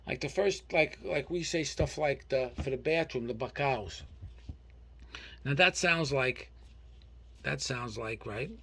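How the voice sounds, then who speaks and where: Gravelly North Jersey Italian-American guy. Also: medium pitch, takes it slowly, pauses often, a little hiss or hum. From New Jersey. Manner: colloquial, blunt, animated retelling with acted-out quotes and Italian dialect phrases. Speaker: vlogger. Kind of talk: casual chat, storytelling.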